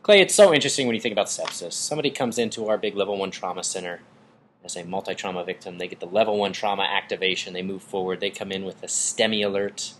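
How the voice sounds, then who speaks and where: A man's voice: sits low, fast, slight background noise. An American man co-hosting an emergency medicine podcast, explaining clinical guidelines in an enthusiastic, teacherly way. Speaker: emergency physician podcast co-host.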